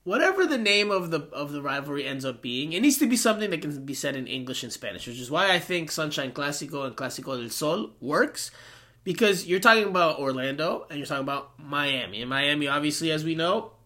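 Man, forceful bright tone, slightly high pitch, sports podcast host, swollen jaw from dental work. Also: lively intonation, a little fast. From Peruvian American. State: swollen cheek after wisdom tooth removal.

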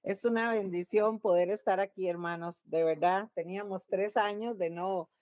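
A woman's voice: mid-range voice, steady tone, moderate pace, darkish tone, no room sound, clean studio sound. Emphatic Costa Rican woman pastor. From Costa Rica. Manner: exclamatory, emphatic preaching. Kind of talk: home Bible teaching sermon. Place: home.

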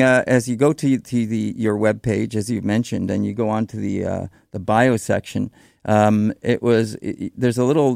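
A man hosting a conversational radio interview in a smooth voice, feeling his way through his phrases. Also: mid-range voice, darkish tone, no room sound, studio quality.

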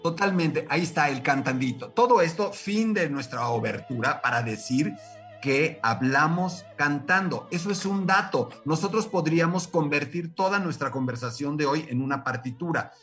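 A Mexican man teaching music as a radio guest, lecturing with lively rhetorical questions and sung examples. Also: on the high side, normal speed, distant mic. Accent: Mexican Spanish. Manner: animated, lecturing, sings short examples. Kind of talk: radio interview lesson.

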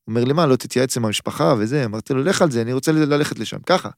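A man's voice: mid-range voice, dry recording, studio quality. A man in his thirties, a footballer guest on a podcast, telling a story casually and acting out both sides of his phone calls.

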